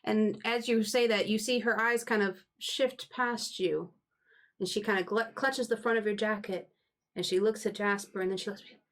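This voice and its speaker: Female game master, conversational scene narration, mid pitch. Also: steady tone, moderate pace, fairly bright tone.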